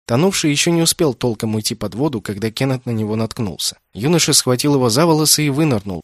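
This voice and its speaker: Measured male audiobook narrator. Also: mid-range voice, no room sound, studio quality. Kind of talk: scripted narration.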